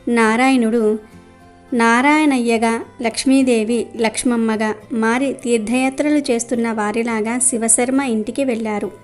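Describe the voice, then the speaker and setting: A woman with a fairly high voice tells a devotional folk story in a steady, gentle manner. Soft music runs quietly underneath. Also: normal speed.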